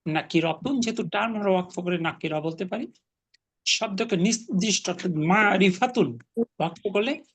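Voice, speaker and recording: A man's voice: sits high, breathy edge. A man teaching an Arabic class online, patiently explaining grammar and correcting his students' pronunciation.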